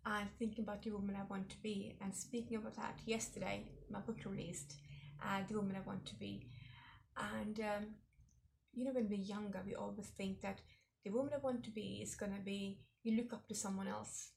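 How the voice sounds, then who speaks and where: A woman in her forties hosts her own vlog, sharing personal stories in a warm, reflective, chatty way full of fillers. Her mid-range voice is creaky and level in tone, and she talks a little fast. There's slight background noise.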